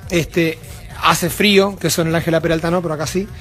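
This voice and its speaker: A Uruguayan musician with a Uruguayan Spanish accent gives a casual backstage interview at a music venue, rambling, restarting, and using lots of fillers. He talks fast in a fairly high, slightly bright voice with fairly even intonation, while soft music plays behind him.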